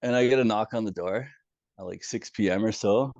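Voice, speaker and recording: A man casually recounting his own experience as a guest, animated and swearing freely, with chuckles along the way. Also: fairly low pitch, a little fast, dry recording. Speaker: former community moderator telling his story. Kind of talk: casual first-person storytelling. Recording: dull, dry, somewhat lo-fi sound.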